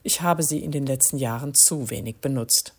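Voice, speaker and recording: A woman voicing a gray, wrinkled ex-convict with a rough, raspy voice, read as a storybook character. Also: rumbling low, normal speed, full character voice. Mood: rueful. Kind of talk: storybook reading.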